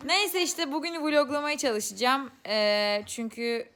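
A woman's voice: high-pitched, lively intonation, unhurried, fairly bright tone, a little hiss or hum. A young woman vlogging casually at home with her cousins, laughing often and teasing. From Turkey. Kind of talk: casual vlog chat.

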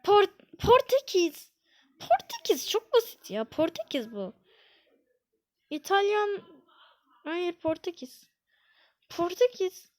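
A woman giving casual let's-play commentary on a quiz game, excitable, repeating words over and over and whining when she loses. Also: extremely high pitch, slow, pauses often. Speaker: gaming channel host.

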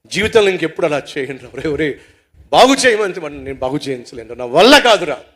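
A male preacher voicing a guilty young man who quietly pleads for forgiveness. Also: fairly high pitch, very animated, fast talker. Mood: pleading.

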